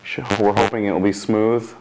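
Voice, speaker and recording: Low, even-toned young man, halting delivery. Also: low-quality recording. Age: 20s. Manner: halting, frequently rephrasing mid-sentence. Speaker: computer science student developer. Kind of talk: informal interview about a project.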